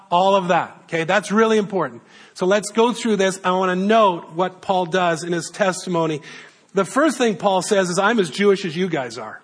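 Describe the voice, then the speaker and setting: A man preaching a sermon in a casual, conversational way, reading scripture aloud and paraphrasing it straight to his listeners. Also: sits high. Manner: direct address to the congregation.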